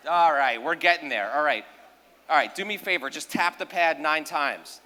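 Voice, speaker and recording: A man working a ballroom crowd with light, joking stage patter. His voice sits high and sounds bright and forceful, and he keeps poking fun at himself as the trick drags on. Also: normal speed. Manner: joking, self-deprecating, talks to audience. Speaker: magician performing at a gala. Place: large ballroom.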